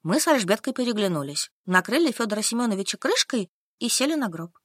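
A woman's voice: on the high side, sing-song, fast talker, no room sound, studio quality. A woman narrating a novel in the first person as an audiobook.

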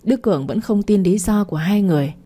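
A woman narrating a storybook in a steady, even reading. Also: mid-range voice, quick pace, husky.

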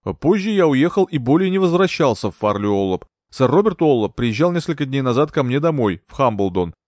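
A man voicing an indignant young gentleman. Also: mid-range voice, very animated, brisk, no room sound, studio quality, natural voice. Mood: indignant, pleading. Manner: pleading, indignant. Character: indignant young English gentleman accused of murder.

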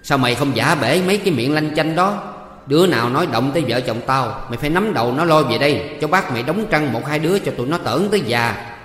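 A man voicing a bossy, quick-tempered middle-aged village wife who scolds and shouts threats. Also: mid-range voice, lightly acted. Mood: furious. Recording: echoey room with long reverb.

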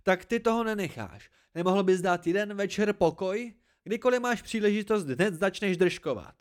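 A man voicing a sharp-tongued woman mercenary who snaps and bites back in an amateur storybook reading. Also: medium pitch, animated, voice pushed up, lightly acted. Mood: irritated. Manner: snappish, biting.

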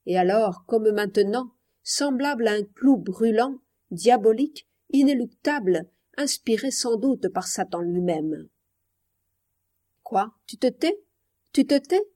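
A woman's voice: on the high side, expressive, a little slow, warm tone. A woman reading as a young woman tormented by jealousy. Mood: obsessed, anguished. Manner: passionate, anguished. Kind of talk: audiobook reading.

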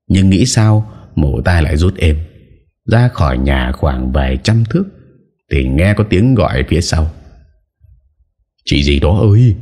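A male audiobook narrator with a remarkably deep voice. He tells the story in a steady, scripted way.

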